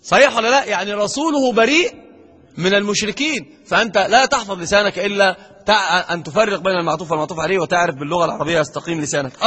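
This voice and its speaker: A man with an Egyptian Arabic accent giving a grammar lecture to a class, quizzing the students with rhetorical questions and slowly stressing the verses he quotes. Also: sits high, bright, forceful tone, slightly rough, long reverb tail. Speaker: Islamic scholar teaching grammar.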